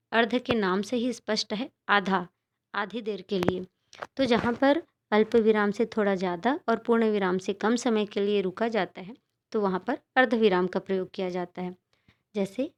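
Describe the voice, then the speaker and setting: A woman teacher gives a grammar lesson to children, taking each point slowly and patiently. Her voice sits at an ordinary middle pitch for a woman, and she repeats examples carefully so young listeners can follow. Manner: slow, patient, explaining step by step.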